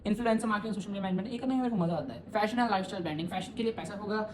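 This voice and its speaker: A young man vlogging casually, talking fast and joking while he reacts to a reading and promotes himself. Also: high voice, crowd noise, rough recording. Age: young adult. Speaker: YouTuber.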